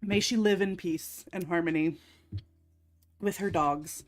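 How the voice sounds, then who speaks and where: A woman's voice: fairly low pitch, measured pace. A woman hosting a casual craft livestream, chatting and laughing often. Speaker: livestream host. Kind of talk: casual chat while crafting.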